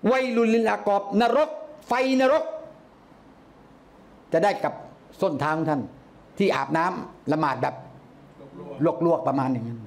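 High-voiced man giving a lively religious lecture. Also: unhurried, gravelly, pauses often. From Thailand. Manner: lively, calling out chanted phrases loudly. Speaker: Islamic religious teacher.

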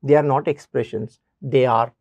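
A man's voice: mid-range voice, steady tone, moderate pace, darkish tone, dry recording, highs cut off. A man teaching a basic math lesson. He addresses students directly and repeats key points.

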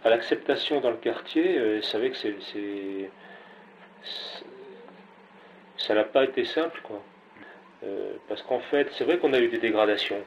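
A man's voice: fairly low pitch, measured pace, lo-fi sound. A man giving spontaneous comments as an interviewee, hesitant, with many fillers and restarts. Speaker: interviewee speaking about a chapel. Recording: noisy background ambience.

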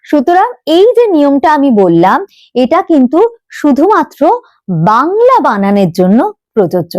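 Animated woman teaching pronunciation. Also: sits high, moderate pace, no room sound, studio quality. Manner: animated, questioning, stresses words. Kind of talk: spoken lesson to camera.

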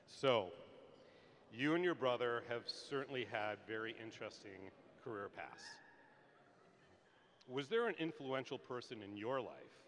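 A man's voice: medium pitch, a bit bright, slight background noise. A man moderating a panel at a gala. He reads questions from his notes and sometimes stumbles over his words. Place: large event hall. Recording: long hall reverb.

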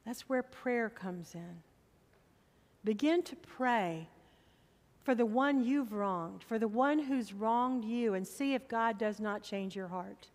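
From the pulpit of a church, a middle-aged woman pastor delivers a sermon in a fairly high voice, appealing to the congregation slowly and emphatically. A long reverb tail follows her words.

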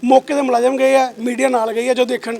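A man's voice: very high-pitched, flat delivery, a little fast, creaky. A man defending himself insistently to reporters in a street among neighbours. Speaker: resident speaking to reporters. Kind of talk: street interview. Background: crowd of neighbours.

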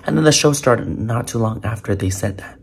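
Sleepy guy rambling thru a vlog wrap-up, kinda low and gravelly, stumbles a lot. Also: expressive, fairly quick. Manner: chatty, complaining, stumbles and restarts. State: tired. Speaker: vlogger.

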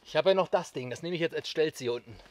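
Talking fast and animated in a fairly high voice, a man in his thirties addresses viewers directly as he builds outdoors in a misty forest. The survival vlogger is chatty and upbeat, puffing now and then, and the distant action camera recording is very noisy.

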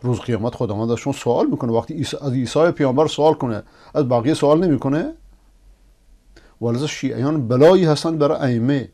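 A man hosting a religious TV program, reading viewers' messages and preaching emphatically. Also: mid-range voice. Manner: emphatic, rising to forceful denunciation. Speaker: preacher and TV host. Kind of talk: religious TV talk answering viewers.

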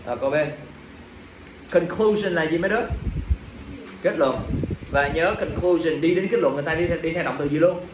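A male teacher leads an exam review, firing quick questions at his students and checking in after every point. His voice sits a little high and carries a strong room echo, picked up from some distance with faint background noise.

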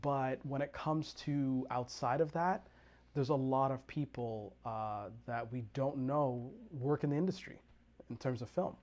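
A man's voice: medium pitch, steady tone, measured pace, darkish tone. Rambling man hosting a chat podcast. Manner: rambling, restarts often, laughs easily. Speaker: podcast host. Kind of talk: casual conversation.

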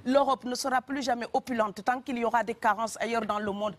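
A Senegalese woman whose first language is Serer appears as an author guest in a studio interview, speaking emphatically with frequent hesitations. Her Senegalese French accent features rolled R's, and her voice is a little high, steady in tone and fairly quick.

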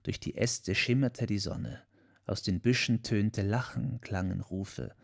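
A man reading a classic story aloud as an audiobook narrator, measured and storytelling. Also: on the low side, gravelly.

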